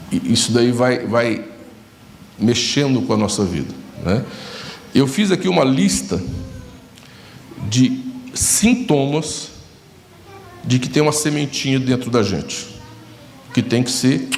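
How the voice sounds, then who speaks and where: A man's voice: mid-range voice, reverberant. A male pastor with a Brazilian Portuguese accent preaching a sermon, telling stories and acting out conversations with his congregation. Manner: storytelling, acts out dialogues, addresses congregation directly.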